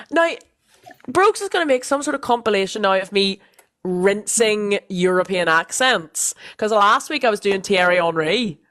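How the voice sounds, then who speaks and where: A woman's voice: mid-range voice, animated, moderate pace, fairly bright tone. A young woman co-hosting a casual podcast chat, playful and self-mocking, often restarting her sentences. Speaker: podcast co-host.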